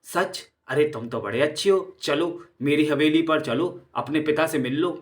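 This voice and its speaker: A woman's voice: low voice, moderate pace, lightly acted. Man playing shrewd village woman, sly and coaxing, falsely sweet, storybook drama. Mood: sweetly scheming. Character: shrewd scheming village woman, middle-aged.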